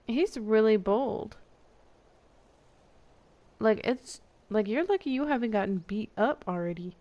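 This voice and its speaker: A woman's voice: mid-range voice, animated, measured pace, warm tone. A woman streamer giving sassy, joking commentary while playing a story game. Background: game music.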